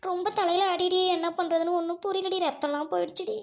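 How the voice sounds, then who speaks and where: A shrill, squeaky cartoon girl who panics and wails at every turn. Her voice sits extremely high and never settles. It sounds made for a kids' cartoon. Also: steady tone, quick pace. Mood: wailing. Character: frantic squeaky young woman friend. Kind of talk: cartoon voice acting.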